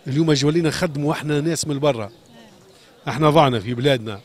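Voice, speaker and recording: Rapid agitated Tunisian shoemaker, high voice. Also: male voice. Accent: Tunisian Arabic, Sfax. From Sfax, Tunisia. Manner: agitated, repeats questions, pleading. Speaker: shoemaker interviewed on the street. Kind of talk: street interview, impassioned complaint.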